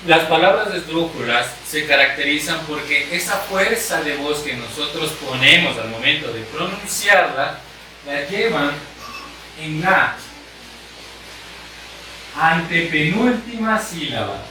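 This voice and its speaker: A man teaching a grammar lesson at a board, speaking slowly and deliberately and repeating the key points. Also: on the high side, expressive, noisy background. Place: room with a board. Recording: echoey room, mic far off.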